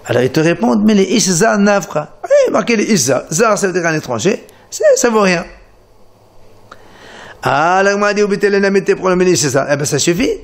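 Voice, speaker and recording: Animated man teaching Talmud. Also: high-pitched, a little fast. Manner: animated explanation, many restarts, Hebrew terms. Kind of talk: Talmud lesson explaining a page. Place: Marseille study center.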